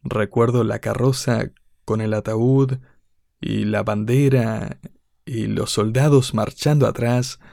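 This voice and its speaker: A man delivering a sermon in a warm, mellow voice. He speaks in a measured, deliberate way and leans on rhetorical questions for emphasis. The recording is dry and close, with no room sound. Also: on the low side, steady tone, vocal fry, no echo. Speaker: preacher.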